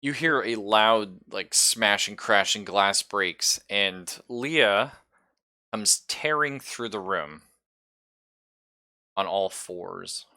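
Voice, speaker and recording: A man with a fairly low pitch and sharp tone serves as game master in a horror tabletop roleplaying game, improvising narration that's halting and suspenseful.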